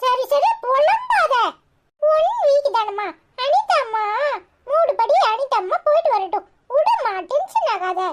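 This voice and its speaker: A woman doing a squeaky little Tirunelveli boy. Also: big pitch swings, a little slow, full character voice. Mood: coaxing. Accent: Tirunelveli Tamil. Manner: chirpy, high-pitched childish chatter. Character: cheeky little boy, bossy and caring.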